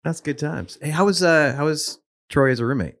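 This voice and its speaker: A man's voice: a little high, a little fast, a bit bright. A man hosting a chat show, asking playful questions of his guests. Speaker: podcast host. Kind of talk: casual interview.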